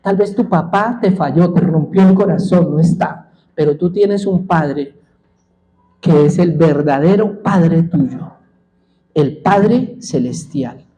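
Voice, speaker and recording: A man's voice: fairly high pitch, takes it slowly, mellow, slightly rough, low-quality recording. A male pastor preaching a sermon, asking the congregation questions and waiting for them to answer back. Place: church sanctuary.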